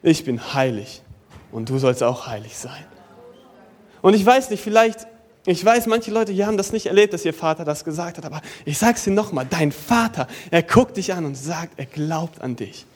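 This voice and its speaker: Preaching with a high-pitched voice, this young pastor keeps his sermon relaxed and youthful, tossing in bits of English slang. His delivery alternates between lively surges and quiet, unhurried passages.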